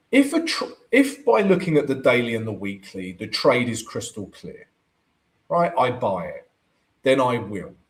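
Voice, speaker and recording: Streaming live, a croaky man explains his trading charts while his pitch moves up and down. He's chatty, reads viewers' chat messages aloud and answers them, and keeps tossing "right?" to his audience.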